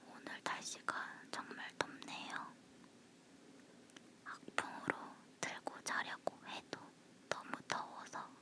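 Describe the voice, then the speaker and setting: A woman leaning in to whisper softly in a breathy, unvoiced voice, chatting casually in ASMR style, recorded close on a phone.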